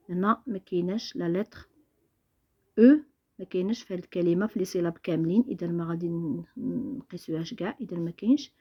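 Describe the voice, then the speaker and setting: A woman with a Moroccan accent teaching a primary school French lesson, mixing Darija and French and saying each word twice, slowly. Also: fairly low pitch, highs cut off. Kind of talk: lesson explaining exercises.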